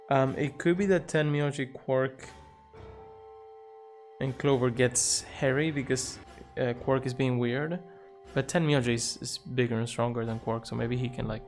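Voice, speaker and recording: A man streaming a video game live, reasoning through his choices out loud with playful, jokey asides. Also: medium pitch. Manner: thinks aloud, reasoning things through. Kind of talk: live gameplay commentary.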